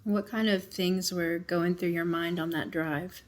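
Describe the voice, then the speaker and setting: A woman interviewing a guest, a quiet listener who murmurs agreement. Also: on the low side, fairly even intonation, a little slow.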